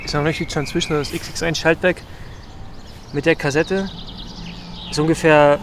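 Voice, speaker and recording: A man talks to a handheld camera in a loose, rambling vlog style, full of filler sounds. His voice sits a touch high for a man. Faint outdoor street noise sits behind him. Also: steady tone, normal speed. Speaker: pro gravel cyclist vlogging a race trip. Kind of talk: casual vlog chat to camera.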